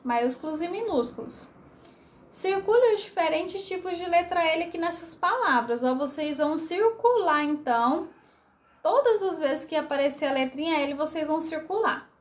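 A woman's voice: sits high, expressive, moderate pace. A woman teaching a remote literacy lesson to first graders in Brazilian Portuguese, patiently drawing out syllables for young children.

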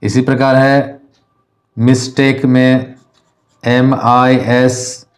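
A male teacher from India explains an English lesson. He talks slowly and keeps his pitch level, with little rise or fall. He spells words out letter by letter in a patient, deliberate way. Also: little pitch movement.

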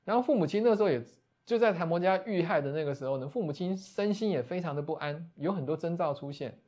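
A man, a Buddhist monastic teacher retelling a scripture story as a lecture, often closing phrases with soft tags. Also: fairly high pitch, quick pace.

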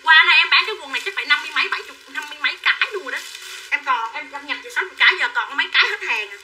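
A woman's voice: high-pitched, animated, racing, sharp tone. A woman running a live sales stream, chattily calling out prices and buyer names and coaxing viewers to buy. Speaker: livestream clothing seller. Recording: distant mic with faint background noise.

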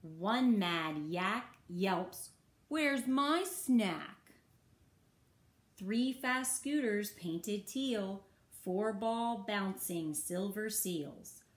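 A woman reading a rhyming picture book aloud for children in a slow, rhythmic sing-song. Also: medium pitch. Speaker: children's story reader. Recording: roomy echo.

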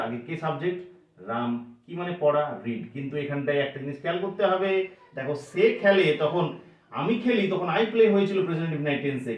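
Man teaching grammar in an echoey room. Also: fairly high pitch. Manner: patient, asks and answers his own questions. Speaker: English teacher. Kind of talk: classroom grammar lesson. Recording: echoey room, voice from a distance, dull sound.

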